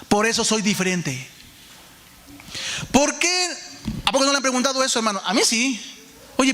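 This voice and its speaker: A pastor in his forties preaching a sermon, asking many rhetorical questions and calling out to his listeners as brothers and sisters. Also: high-pitched. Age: 40s. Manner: animated preaching, many rhetorical questions, calls the audience "hermano".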